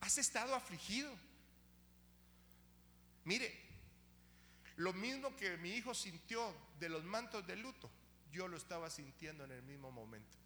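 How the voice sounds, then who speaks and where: A middle-aged man preaching a sermon as guest pastor, moving from quiet talk to shouting and stammering at times. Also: sits high, lively intonation, moderate pace. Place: church hall. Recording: reverberant church hall with hum.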